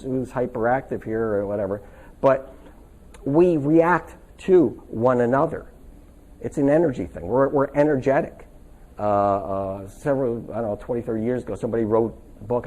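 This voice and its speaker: A man's voice: medium pitch, normal speed, darkish tone. A man teaching a stress workshop to a live audience in a casual, chatty way, telling stories and checking that his listeners follow. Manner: chatty, anecdotal, asks the audience for agreement. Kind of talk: casual live seminar talk. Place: seminar room with a live audience.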